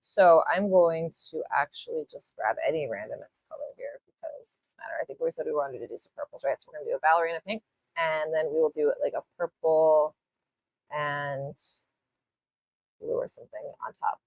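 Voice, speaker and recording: A woman's voice: low-pitched, fairly quick, no room sound, highs cut off. A woman hosting a live nail art tutorial, chatting casually as she works, rambling, apologizing and swearing a little. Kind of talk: live-stream tutorial chat.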